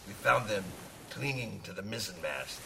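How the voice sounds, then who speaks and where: An actor playing a gruff, hearty old sailor who savors short phrases as he spins dramatic tales of the sea. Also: fairly low pitch, animated, normal speed, recorded from a distance, noisy background. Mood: grave storytelling. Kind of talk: dramatic audio storytelling.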